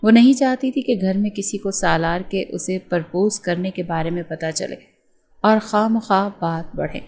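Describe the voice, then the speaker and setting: A woman's voice: mid-range voice, moderate pace, a little mellow. A woman narrating a romance novel and reading every part herself in much the same voice. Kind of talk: scripted narration of a romance novel with acted dialogue.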